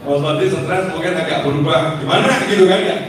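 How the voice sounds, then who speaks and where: High-voiced preacher in an echoey hall. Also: male voice, brisk, heavy background noise. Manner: storytelling with acted dialogue and questions to the audience; stretches and restarts words mid-syllable. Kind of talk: religious lecture to a live audience. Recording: echoey hall, mic at a distance.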